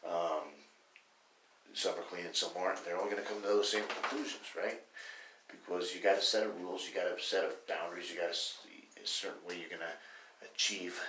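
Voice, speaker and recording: A man's voice: deep voice, pushed and bright. A man talking in a casual, rambling monologue, swearing now and then and restarting his sentences often. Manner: rambling, profane, with many restarts. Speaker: bodybuilding vlogger. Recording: echoey room, mic at a distance, faint noise.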